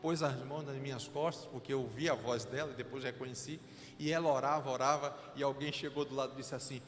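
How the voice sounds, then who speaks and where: A man's voice: mid-range voice, fairly even intonation, quick pace, long reverb tail, a little hiss or hum. A man, a pastor preaching a sermon with an earnest, emotional personal testimony. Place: church sanctuary.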